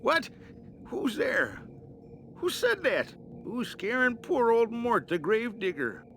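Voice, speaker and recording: A man's voice: very high-pitched, wildly swooping pitch, slow pace, fairly bright tone, a little hiss or hum, full character voice. A man playing a stubborn, grumpy gravedigger in a comic adventure game, querulous and skeptical as he scolds. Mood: frightened. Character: jumpy, grumpy, stubborn gravedigger who loves horror novels.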